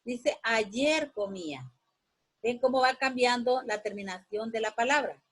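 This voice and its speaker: A woman's voice: a little high, animated, measured pace, husky, low-quality recording. A woman teaching a sixth-grade lesson, patiently repeating each point and giving instructions to students. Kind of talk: classroom lesson.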